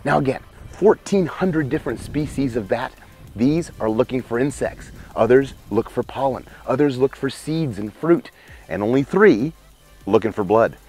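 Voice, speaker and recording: A man, hosting a wildlife show outdoors by a cave, presenting with excited, emphatic showmanship on a lapel mic. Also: medium pitch, normal speed, husky, faint music behind. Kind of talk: enthusiastic outdoor nature presenting. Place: outdoors by a cave in open country.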